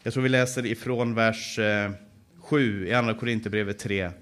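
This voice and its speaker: Emphatic preaching man, loud then hushed. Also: fairly low pitch, fairly even intonation, clean tone. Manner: emphatic preaching that swings between loud stress and slow, hushed passages; repeats key phrases for effect. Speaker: Bible teacher. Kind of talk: sermon. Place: Bible conference gathering.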